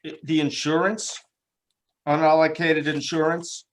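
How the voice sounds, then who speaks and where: Male town supervisor chairing a video-call meeting, plain delivery, lots of pauses and fillers. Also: fairly high pitch, level tone, a little hiss or hum. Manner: plain, halting, many fillers. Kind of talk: running a town board meeting.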